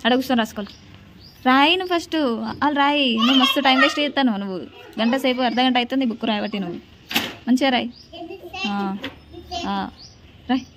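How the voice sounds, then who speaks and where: Brisk, bossy mother vlogging. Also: high voice. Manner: scolding, bossy with children. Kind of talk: casual home vlog. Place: home. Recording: noisy home recording.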